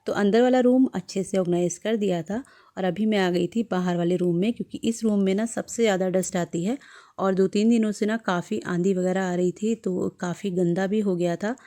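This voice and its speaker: A woman narrating her home vlog as a voice-over in a gentle, chatty manner, giving homemaking advice to her viewers. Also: mid-range voice. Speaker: homemaking vlogger.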